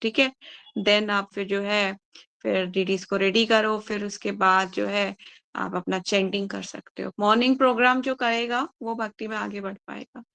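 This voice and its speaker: A woman teaching a scripture class. She reads verses slowly and haltingly, then explains them to her listeners in a brisk, plain way. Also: medium pitch, creaky, fairly bright tone, dry recording.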